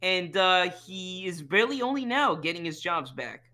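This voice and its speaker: A podcast co-host rambling in casual chat, profane, with many fillers and restarts. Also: male voice, sits high, expressive, moderate pace, pushed and bright.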